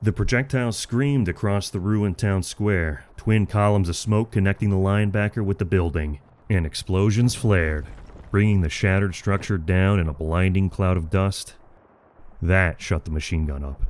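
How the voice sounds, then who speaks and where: This dramatic, scripted reading of a military adventure comes from a man whose low-pitched voice sounds a little mellow. He holds a grave, measured storytelling manner throughout.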